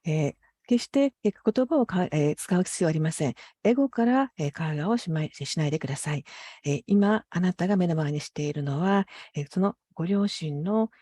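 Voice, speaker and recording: A woman's voice: lowish voice, animated, brisk, dark tone, dry recording. A woman working as an interpreter for a guided meditation, speaking politely and carefully with hesitant phrasing. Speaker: consecutive interpreter.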